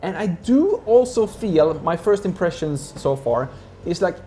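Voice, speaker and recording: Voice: medium pitch, big pitch swings, measured pace, dark tone, slight background noise. A speaker who grew up in Sweden, chatting casually and rambling with lots of "like" fillers. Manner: rambling, heavy use of "like" fillers. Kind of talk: casual chat.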